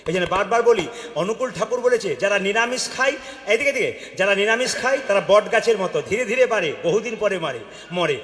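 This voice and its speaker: Bengali guy preaching kirtan style, really high voice, keeps asking the crowd to answer out loud, big echo. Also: animated, fairly quick. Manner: questions the crowd and calls for loud replies. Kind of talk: devotional sermon to a live audience. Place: hall with an audience. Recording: echoey hall with long reverb.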